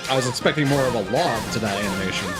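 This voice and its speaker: Talking fast at a medium pitch, a live-streaming man gives casual commentary on a video game, full of jokes and playful asides, with the game's music running in the background.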